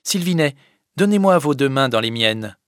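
Here the male narrator pitches up on the high side, animated and at a moderate pace, in a dry, clean studio take. His audiobook character is a stern young village girl who scolds firmly, then softens.

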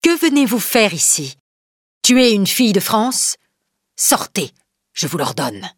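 A woman voicing a proud young queen who speaks in a strong, calm, commanding way in a storybook reading. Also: fairly low pitch, moderate pace, no echo, clean studio sound. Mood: defiant.

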